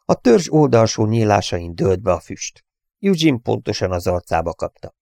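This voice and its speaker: A man reading an audiobook in a steady, measured storytelling manner. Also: on the low side, vocal fry, no echo, clean studio sound. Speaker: audiobook reader. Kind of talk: audiobook narration.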